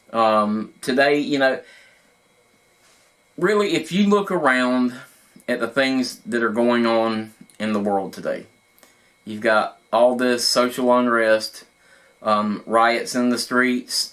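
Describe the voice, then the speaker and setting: A man's voice: medium pitch, fairly bright tone. A middle-aged man hosting his own prepping channel, talking in a plain-spoken, earnest, conversational way in an echoey studio room. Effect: echoey room sound. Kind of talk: casual talk to camera. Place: echoey studio room not set up for recording.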